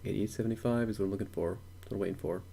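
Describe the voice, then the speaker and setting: A man's voice: fairly low pitch, rapid-fire, vocal fry, dark tone, slightly rough. A young man thinking aloud while day trading on a live stream, repeating words and chuckling to himself.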